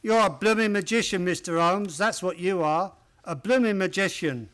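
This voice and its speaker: Guy doing genial watson type doctor, old radio drama, high voice, hearty and exclamatory. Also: normal speed, a bit bright. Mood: hearty, admiring. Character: Doctor Watson, genial old-school gentleman storyteller and loyal friend. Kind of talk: old-time radio play acting.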